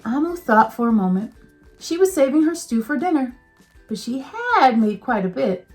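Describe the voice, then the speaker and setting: A woman's voice: sits high, sing-song, normal speed, soft background music. A woman teacher giving a children's read-aloud lesson, speaking directly to young listeners in an encouraging way.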